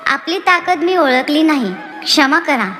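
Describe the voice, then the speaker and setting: Woman reads a cocky young wrestler, mocking and brash, in a high voice over faint music. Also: lively intonation, unhurried, sharp tone, exaggerated voice. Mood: contrite. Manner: mocking, swaggering. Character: boastful young male wrestler. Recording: long reverb with background music.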